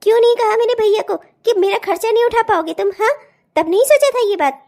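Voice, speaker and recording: Squeaky sharp-tongued cartoon bride voiced by a woman, bossy and defiant. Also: fairly quick. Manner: defiant, scolding. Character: bold demanding young bride, sharp-tongued. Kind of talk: cartoon voice acting.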